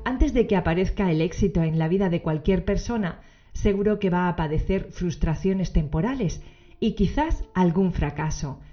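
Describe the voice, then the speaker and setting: A woman's voice: on the low side, normal speed. A woman hosting a solo podcast, explaining in semi-scripted narration, addressing one listener directly. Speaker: podcast host. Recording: dull lo-fi audio, faint music behind.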